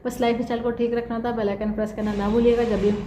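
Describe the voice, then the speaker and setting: A woman's voice: a little high, flat delivery, quick pace, warm tone, echoey room, a little hiss or hum. A woman teaching acupressure, walking viewers through a demonstration and checking in often with "theek hai". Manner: instructive, frequent "theek hai" check-ins. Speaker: acupressure instructor. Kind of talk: demonstration tutorial.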